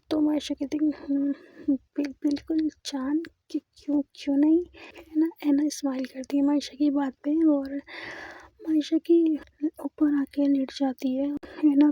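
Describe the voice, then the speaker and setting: A woman storyteller narrating in a soft, half-whispered way, often repeating a little filler, on a slightly dull lo-fi recording. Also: high voice, no room sound.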